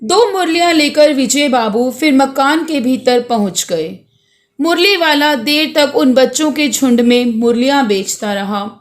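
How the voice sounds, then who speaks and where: Woman teacher, high voice, slow, patiently glossing a school reading. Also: expressive. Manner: explains words patiently, addresses students. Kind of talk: reading and explaining a school lesson.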